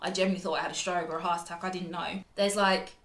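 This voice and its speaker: A woman's voice: on the low side, fairly even intonation, rapid-fire, a bit bright, roomy sound. A young woman with a British accent telling a dramatic storytime vlog, chatty and full of fillers. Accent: British English. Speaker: vlogger.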